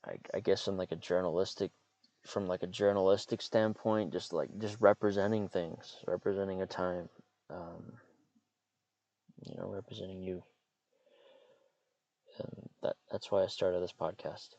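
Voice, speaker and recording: A young adult man hosting a solo podcast from a parked car, rambling and hesitant with many fillers, speaking in a monotone. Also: deep voice, normal speed, pauses often, no room sound, poor audio. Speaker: podcast host. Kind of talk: casual solo podcast monologue. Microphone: computer mic.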